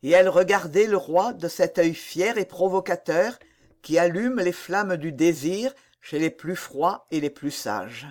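A woman narrating a classic novel as an audiobook. Her reading is measured and expressive, with a lot of movement in pitch. She takes a slow pace on a somewhat low voice. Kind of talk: scripted narration.

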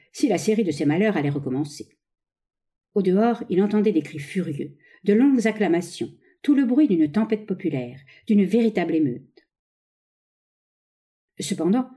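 A woman narrating a novel in an expressive, dramatic reading style. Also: deep voice.

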